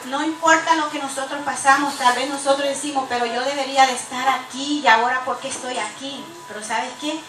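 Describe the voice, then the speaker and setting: A woman pastor preaching an impassioned sermon to her church, swinging between loud declarations and hushed, tender passages. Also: sits high, fairly even intonation, brisk, few pauses, recorded from a distance. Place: church sanctuary. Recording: echoey church hall, mic from afar, music behind.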